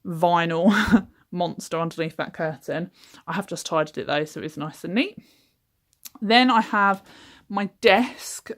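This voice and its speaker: A young woman giving a chatty, relaxed tour of her small craft cabin, with frequent ums. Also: mid-range voice. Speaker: craft business owner giving a workshop tour. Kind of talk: casual walkthrough.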